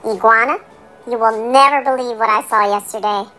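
Woman doing a bright squeaky gossipy mosquito. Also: brisk, faint music behind, rough recording. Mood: eager. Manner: eager, chattering. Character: gossipy boastful little mosquito.

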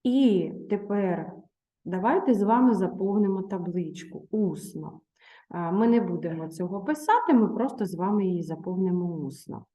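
A woman teacher speaks in a warm, mellow voice at a middling pitch. She reads a children's tale aloud at an even, patient pace. Then she turns to her pupils with simple questions and instructions. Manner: patient, measured, addresses children directly. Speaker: primary school teacher. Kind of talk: reading a story aloud, then a reading lesson.

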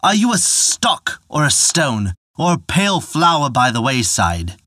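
A man's voice: fairly high pitch, very animated, measured pace, sharp tone, no room sound, clean studio sound, pitched above the performer's own voice, heavily acted. A man voicing a stern, angry old male sky god who scolds his daughter in a told folktale. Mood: scolding. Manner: scolding, imperious. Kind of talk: storybook narration.

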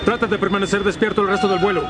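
An actor playing a male navy jet pilot who leads his flight, giving brisk commanding calls over a pilot radio transmission. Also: high voice, steady tone. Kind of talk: Spanish TV dub acting.

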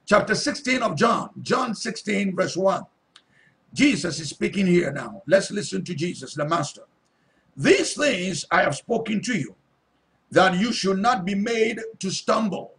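A man's voice: high-pitched, lively intonation, measured pace, gravelly, a bit bright. A male pastor preaching a sermon, reading Bible verses aloud and then repeating and stressing them, often asking his listeners if they are listening. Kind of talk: sermon teaching scripture.

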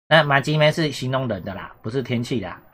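A man's voice: mid-range voice, animated, quick pace, bright, forceful tone, husky. A man teaching a casual exam-prep lesson, repeating points and checking whether students follow. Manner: chatty, repetitive, asks "懂哈？有没有？" often. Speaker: Japanese teacher.

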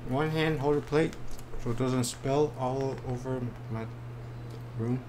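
A man's voice: mid-range voice, steady tone, unhurried, background noise. Matter-of-fact man chatting between bites. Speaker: mukbang vlogger. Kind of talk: casual food review while eating. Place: small room indoors.

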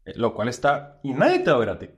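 A man, a stand-up comedian chatting casually as a podcast guest, slangy and animated, with lots of fillers. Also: medium pitch, fast.

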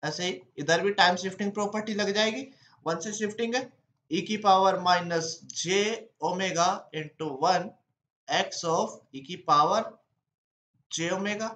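A man's voice: sits high, unhurried, sharp tone, echoey room. A man teaching an exam-prep lesson, walking through each step by asking himself questions and then answering them.

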